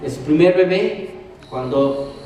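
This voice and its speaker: Mexican male preacher, high and mellow, rhetorical-question sermon, distant mic with heavy hall echo. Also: slow, a little hiss or hum. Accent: Mexican Spanish. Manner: asks the congregation questions and answers them. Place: church hall.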